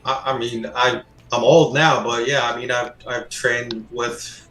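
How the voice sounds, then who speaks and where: A man's voice: mid-range voice, level tone, a bit bright, faint music behind. A man in his fifties chats on a casual podcast, hesitating and restarting often. His mid-range voice rings with roomy echo. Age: 50s. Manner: halting, many fillers and restarts. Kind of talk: casual chat.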